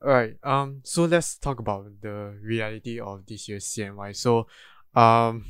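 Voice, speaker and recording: A man's voice: on the low side, measured pace, fairly bright tone, clear, resonant tone, dry recording, studio quality. A man with a Malaysian English accent hosting a casual group discussion in colloquial Singlish-style phrasing. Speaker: host steering a discussion. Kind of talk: casual chat.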